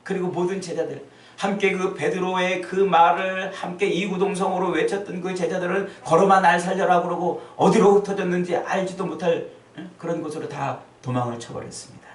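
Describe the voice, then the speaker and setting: A man preaching a sermon as pastor, acting out the quoted lines with sudden loud, high outbursts. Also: echoey room, distant mic, poor audio. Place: church sanctuary.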